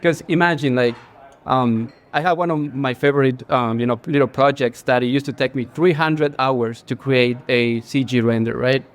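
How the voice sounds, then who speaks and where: He is an Ecuadorian creative director in his forties, guesting in a laid-back stage interview at a bar with a live audience. His mid-range voice keeps fairly even intonation at a moderate pace, with an Ecuadorian Spanish accent. He sounds earnest and often uses fillers or starts over.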